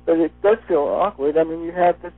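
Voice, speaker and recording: A man's voice: a little high, a little fast, no echo. A man wearing a retainer as he talks, giving a personal testimonial as an interview guest over the phone. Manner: talking with a dental appliance in the mouth, like wearing a retainer. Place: phone call. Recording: muffled phone line, faint music behind.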